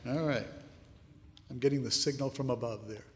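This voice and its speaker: An older pastor from Sri Lanka preaching in a church, rambling with many fillers and restarts. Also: male voice, medium pitch, normal speed, a little hiss or hum. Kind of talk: sermon. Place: church sanctuary. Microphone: handheld mic. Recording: long hall reverb.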